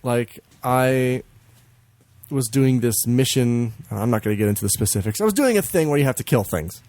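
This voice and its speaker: A man co-hosting a podcast in casual chat, swearing freely, laughing often and jumping into high silly voices to mimic games. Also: expressive, normal speed, a little mellow, no room sound. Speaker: podcast co-host.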